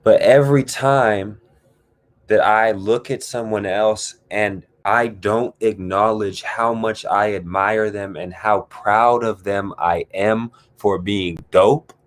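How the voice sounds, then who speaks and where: Deep-voiced guy leading a slow meditative group talk, calm and drawn out, takes his time. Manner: calm, drawn-out, reflective, with sighs. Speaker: host leading a guided discussion.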